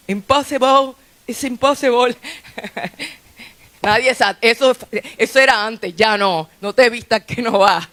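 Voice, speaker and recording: A woman's voice: a little high, a bit bright. A woman pastor, preaching a sermon in a chatty, conversational way, often restarting her phrases. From Puerto Rico. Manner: conversational preaching with frequent restarts and light laughs. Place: church sanctuary.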